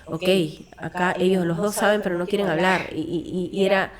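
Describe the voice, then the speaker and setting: A woman's voice: on the low side, steady tone, fairly quick, a loud crowd. A Peruvian woman, a hospice founder, speaking in an earnest, reflective way and telling a story in an interview, with frequent fillers and restarts. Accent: Peruvian Spanish. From Peru. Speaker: guest, founder of a children's hospice.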